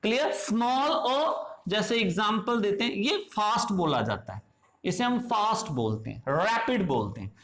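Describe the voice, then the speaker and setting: A man teaching English phonetics in a classroom style. He keeps asking his listeners questions, answers them himself, checks in with short asides, and says example words slowly and more than once. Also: high voice, sing-song, a bit bright.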